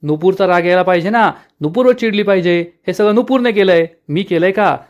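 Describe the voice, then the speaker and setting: A man doing a shrill, meddling mother. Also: brisk, highs cut off, natural voice. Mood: indignant. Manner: indignant, complaining, raised pitch.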